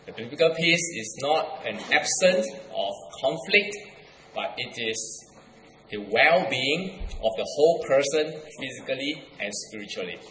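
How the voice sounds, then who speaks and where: A middle-aged guest pastor from Singapore, with a Singaporean accent, preaches a sermon with light humor in a church hall. His medium-pitched, fairly bright voice is animated and measured, and the echoey recording has a little hiss or hum.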